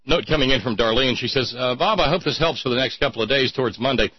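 Sardonic and mocking, a male talk show host reads out listener notes and pokes fun at them on an irreverent call-in program, talking at a quick pace. His voice is ordinary in pitch and slightly husky, the close mic sounding dry, echo-free and a little muffled.

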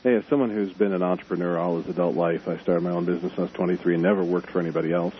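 A man with a lowish voice calls a radio show and chats very quickly and keenly. The line is muffled with faint noise. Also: fairly even intonation. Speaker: radio call-in guest. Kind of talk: casual enthusiastic chat.

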